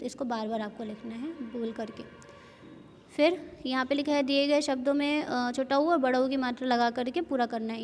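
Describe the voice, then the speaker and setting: A woman teaching a primary school Hindi lesson, slowly spelling out syllables and repeating words. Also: sits high, darkish tone, in a large hall. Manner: slow, repetitive, spells out syllables. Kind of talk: classroom lesson.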